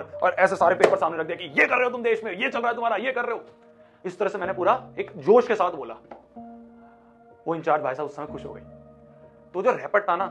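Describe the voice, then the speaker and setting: A young man with a high, quick voice tells his students a story from his school days, jumping into heated speech voices as he plays out each scene. His sound is slightly muffled, with faint background music running beneath. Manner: animated, acts out scenes in a fiery speech voice. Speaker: online teacher. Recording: slightly dull audio with soft background music.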